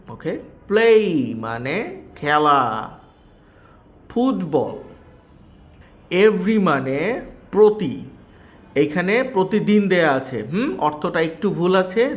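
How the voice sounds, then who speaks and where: A man's voice: a little high, fairly bright tone. A man teaching an English lesson to children, explaining word meanings one at a time and often checking in with a questioning "hmm?". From Bangladesh.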